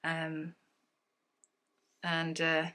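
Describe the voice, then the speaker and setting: Book vlogger, woman, bright and slightly low-pitched, chatty and rambling, casual to-camera talk. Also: completely flat delivery, drawn-out words. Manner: chatty, rambling, self-correcting, laughs often. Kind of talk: casual chat about books.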